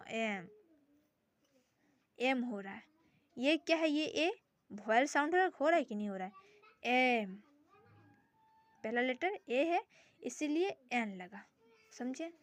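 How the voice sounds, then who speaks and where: Young woman, high pitch, casual home tutor, rhetorical questions, slow repeated words. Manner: asks and answers her own questions, repeats words slowly. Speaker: teacher. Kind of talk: casual grammar lesson. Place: home with sisters noisy in background.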